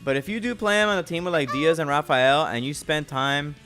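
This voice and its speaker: A man's voice: fairly high pitch, moderate pace, music in the background. A man streamer relaxedly explaining game strategy in casual commentary.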